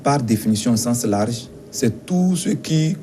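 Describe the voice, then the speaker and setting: A man from Togo representing a teachers' union, answering interview questions in a measured, insistent way with some hesitations. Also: mid-range voice, lively intonation, warm tone, a little hiss or hum.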